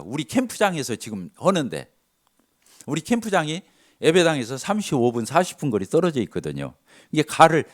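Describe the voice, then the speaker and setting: Animated Korean pastor telling church stories. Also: male voice, mid-range voice. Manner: animated, acts out dialogue with shifts of voice. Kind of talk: sermon storytelling.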